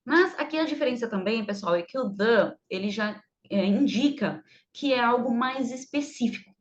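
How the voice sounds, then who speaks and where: Chatty woman teacher, fairly high voice. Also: lively intonation. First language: Portuguese. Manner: slow, exaggerated English examples within chatty explanation. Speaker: English teacher. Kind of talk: explaining English grammar to Portuguese speakers. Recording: slightly dull, lo-fi sound.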